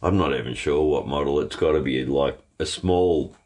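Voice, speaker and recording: A man's voice: extremely low pitch, moderate pace, a little mellow. An Australian man hosting a casual chat about cars in a blokey, sweary, slangy way. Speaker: host of a car show.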